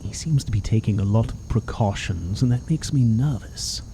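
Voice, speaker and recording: A man's voice: lowish voice, moderate pace, dark tone, slight background noise, natural voice. A man playing a guarded, curmudgeonly adventurer in a game, speaking in a dry, formal and terse way. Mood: brooding, wary. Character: guarded, curmudgeonly male adventurer who craves silence. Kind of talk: video game character dialogue.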